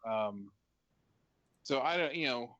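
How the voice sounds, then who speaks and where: A man co-hosting a casual podcast chat, talking in a relaxed, hesitant way with lots of ums. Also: medium pitch, takes it slowly, no echo, muffled recording. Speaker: podcast co-host.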